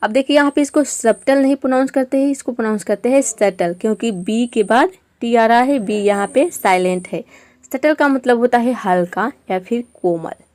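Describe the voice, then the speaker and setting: Woman from India, patient step-by-step teacher, higher voice, dry close sound. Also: fairly quick, a little mellow, no echo. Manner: patient step-by-step explaining, mixing English words into Hindi. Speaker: English teacher. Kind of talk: explaining an online lesson.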